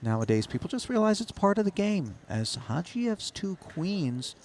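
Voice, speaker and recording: A man's voice: sits high, sing-song, normal speed, a little hiss or hum. A man commentating live on a poker tournament in wordy, florid phrasing.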